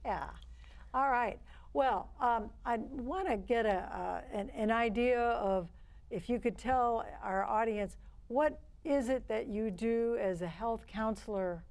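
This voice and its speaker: A woman's voice: a little high, slow, darkish tone. A woman hosting a talk show and interviewing a guest, friendly and a bit hesitant, with many fillers. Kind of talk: interview chat.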